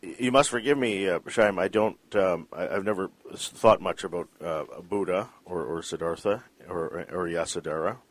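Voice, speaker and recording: A man's voice: low-pitched, normal speed, few pauses, no room sound. A male radio interview host who reads a formal introduction and asks questions, stammering often. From Canada.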